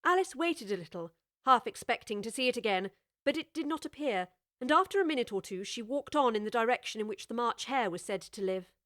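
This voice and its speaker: A woman reads a storybook aloud in an even, measured way, clearly recorded on a studio mic. Her voice sits fairly high, and the sound is dry and close. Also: no room sound. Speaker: narrator. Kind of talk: storybook narration.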